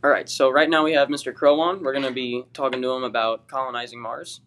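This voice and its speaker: A man's voice: mid-range voice, little pitch movement, quick pace, very noisy. A teenage boy hosting a school podcast, asking questions in a hesitant way with fillers. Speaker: student podcast host.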